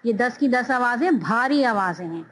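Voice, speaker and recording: A woman's voice: on the high side, expressive, moderate pace, a bit bright, rough recording. A woman teaching a phonics lesson, drawing out each syllable with careful enunciation.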